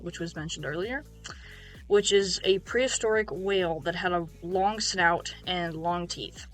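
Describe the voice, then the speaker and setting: Casual woman reading with soft music. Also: lowish voice. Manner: reads from an article with ums and restarts. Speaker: YouTube host. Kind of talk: casual reading of a cryptid video. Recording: faint background music.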